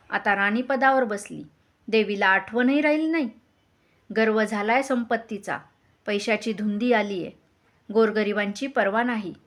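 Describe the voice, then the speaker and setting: A woman voicing a poor, proud old beggar woman who speaks softly with a cough in a folk tale. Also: a little high, close to an everyday voice. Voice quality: soft voice with coughing.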